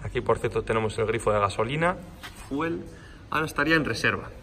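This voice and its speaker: Walking around a motorcycle for sale in his indoor workshop, the owner explains it to a handheld phone camera in a fast, lively, pushed and bright mid-range voice. He raises his voice over the running engine, which fills the noisy room.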